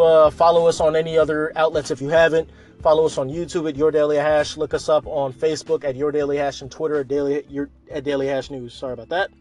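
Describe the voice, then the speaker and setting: A young man hosting a casual crypto news show, talking loosely with sarcastic asides and restarts. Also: a little high.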